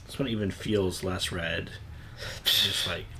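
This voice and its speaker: A man's voice: sits low, fairly even intonation, takes it slowly, a crowd in the background. A young man co-hosting a late-night livestream, chatting casually with many fillers and restarts. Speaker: livestream co-host. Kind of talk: casual chat.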